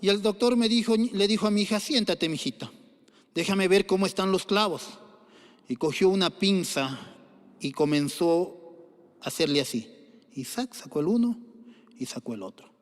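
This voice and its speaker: A man's voice: high voice, lively intonation, moderate pace, long pauses. A middle-aged man preaching a sermon as pastor, telling personal stories earnestly and building up to exhortations. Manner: earnest storytelling with rising exhortations. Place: large church hall. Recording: echoey church hall.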